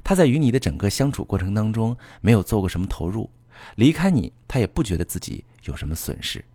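Low, lively-toned male advice host. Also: fast, breathy edge, dry recording. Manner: earnest, instructive, addresses listeners directly. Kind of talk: advice monologue.

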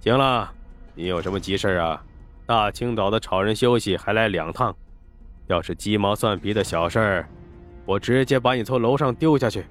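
A man voicing an older gambling-house boss in an audiobook, gruff, slow and domineering. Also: on the low side, faint music behind, pitched below the performer's own voice, natural voice. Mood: gruff amused. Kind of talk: audiobook character voice.

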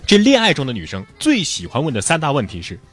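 A man's voice: on the high side, wildly swooping pitch, quick pace, a bit bright, faint music behind. A man hosting a comic talk show, trading scripted banter and telling jokey stories in a playful, exaggerated way. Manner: playful, exaggerated storytelling with acted quotes. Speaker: comedy talk show host.

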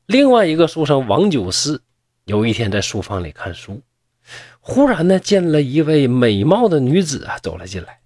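A man's voice: mid-range voice, huge pitch swings, normal speed, darkish tone, no echo, clean studio sound. A man telling a folk tale in a chatty manner with mocking asides. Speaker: storyteller.

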